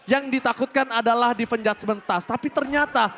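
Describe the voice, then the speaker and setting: A man with an Indonesian accent doing live esports commentary like a fighting game announcer, with dramatic shouted calls. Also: extremely high pitch, a little fast, a little hiss or hum.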